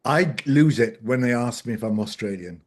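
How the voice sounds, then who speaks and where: Man hosting an interview, mid pitch. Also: normal speed. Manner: brief prompts, friendly backchannels. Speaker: interviewer host. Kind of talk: casual interview chat.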